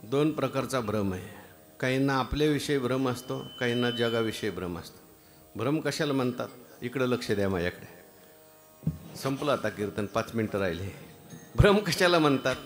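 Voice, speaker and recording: Marathi kirtan preacher, sung chants over instruments. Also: male voice, medium pitch, moderate pace, faint music behind. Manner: rises into loud sung chants, storytelling with dialogue. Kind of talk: devotional kirtan sermon with sung verses.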